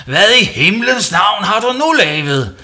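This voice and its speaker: A man reading a storybook and voicing an angry mother who shouts and scolds her son. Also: fairly low pitch, lively intonation, slightly rough, pitched above the performer's own voice.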